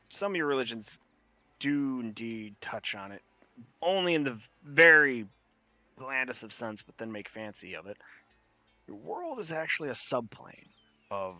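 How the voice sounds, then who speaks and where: A man with a New York accent voicing a grave, ancient male traveler from another world in a tabletop game, measured and pausing between phrases. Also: mid-range voice, animated, pushed and bright. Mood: explanatory, measured.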